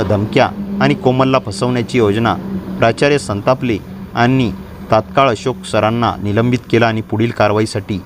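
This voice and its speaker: A man reading a dramatic story aloud as a steady storyteller. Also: lowish voice. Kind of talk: scripted story narration.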